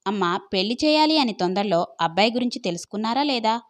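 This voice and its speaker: A woman's voice: medium pitch, lively intonation, quick pace, lightly acted. A woman voicing a protective young brother who asks questions earnestly in an audio story. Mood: questioning.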